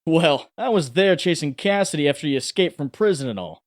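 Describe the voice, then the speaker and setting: Man voicing Spider-Man, a wildly animated wisecracker. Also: fairly high pitch, a little fast, lightly acted. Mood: quippy. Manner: flippant, quippy. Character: wisecracking young male superhero, flippant but heroic. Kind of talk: comic book dub acting.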